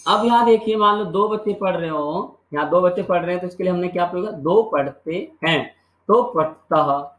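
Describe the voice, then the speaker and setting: A man's voice: high voice, a little fast, fairly bright tone, reverberant, low-quality recording. A man teaching Sanskrit grammar in a video lesson. He asks questions and answers them himself, and drills the endings by repeating them. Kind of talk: classroom-style video lesson.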